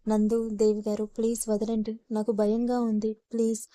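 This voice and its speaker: A woman's voice: on the high side, monotone, normal speed, dark tone, no echo, lightly acted. A woman reading a frightened young woman. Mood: pleading. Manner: pleading. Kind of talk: storybook reading.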